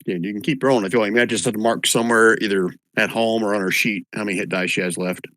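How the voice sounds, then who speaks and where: A man with a fairly low voice serves as game master. He talks casually as he narrates and organises a tabletop game, and the sound is dry and close. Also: fairly even intonation, quick pace, pushed and bright, no room sound.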